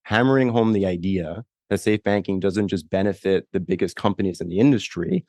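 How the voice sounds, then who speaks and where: A man with a very low voice hosts a conversational interview. He strings his questions together loosely, leaning on "you know" and tag questions. The sound is close and dry. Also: brisk, a little mellow, dry recording. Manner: rambling questions with many "you know" and "right?" fillers.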